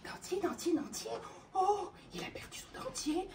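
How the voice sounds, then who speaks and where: A woman acting out an excitable, kindly man in a spoken storybook tale, gasping and half-whispering in tearful bursts. His voice swoops high and low. It is heard from a distance over steady background noise. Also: moderate pace, reverberant, exaggerated voice. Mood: fretful.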